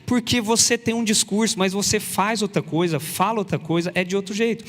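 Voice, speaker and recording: A man's voice: high-pitched, a little fast, fairly bright tone. A man preaching a sermon as pastor, animatedly acting out imagined dialogue with God. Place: church. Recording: long reverb of a church hall.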